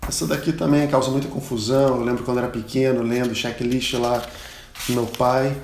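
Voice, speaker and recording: A man's voice: mid-range voice, level tone, brisk, reverberant, slight background noise. Chatty Brazilian man teaching pilot English. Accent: Brazilian Portuguese. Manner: chatty, explains with anecdotes, repeats model words loudly. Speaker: pilot and aviation English instructor. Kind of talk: casual spoken lesson.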